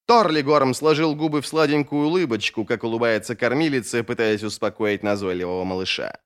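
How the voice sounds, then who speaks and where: A man narrating a fantasy novel as an audiobook reader in an expressive, scripted style. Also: medium pitch, brisk, clear, resonant tone. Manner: expressive, varied intonation.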